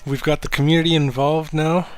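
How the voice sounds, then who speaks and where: A man hosting a casual livestream chat, rambling and self-deprecating, swearing offhandedly in a low-key, fairly monotone way. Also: brisk, clean tone. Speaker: livestream host.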